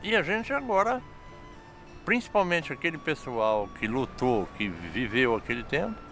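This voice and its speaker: A man's voice: medium pitch, expressive, normal speed, a bit bright. A man explaining and arguing his views in an interview. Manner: explanatory, argumentative. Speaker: interviewee, union veteran. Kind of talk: political reflection. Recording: faint guitar music behind.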